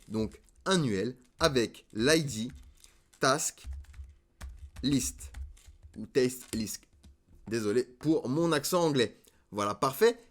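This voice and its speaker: A man explains coding step by step for a screen-recorded tutorial. His voice sits at an ordinary middle pitch and his delivery is relaxed, with quick little fillers between steps. Keyboard typing is heard behind him. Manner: relaxed, step-by-step with frequent "hop, nickel" and "d'accord?".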